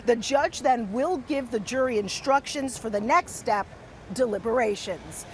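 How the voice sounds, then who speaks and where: A high-pitched American woman delivers a live TV news report in a measured, deliberate way. She speaks as a field reporter, with faint street noise behind her.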